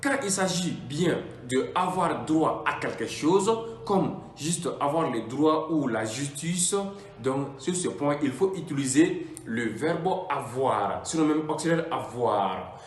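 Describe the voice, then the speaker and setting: A man teaches a language lesson at an unhurried pace. He repeats every example phrase with care. His fairly high voice rises and falls a lot, and it rings in an echoey room. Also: lively intonation. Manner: repeats each phrase slowly and deliberately, drawing out example words. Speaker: English teacher.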